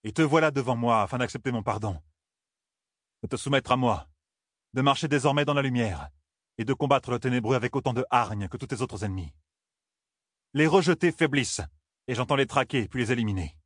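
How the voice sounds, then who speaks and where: Guy doing a young hero lord in a storybook, stern, bossy, husky raised voice, dry sound. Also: medium pitch, brisk, long pauses, no room sound, pitched above the performer's own voice, natural voice. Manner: forceful, rising to shouts. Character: young male hero, furious and commanding.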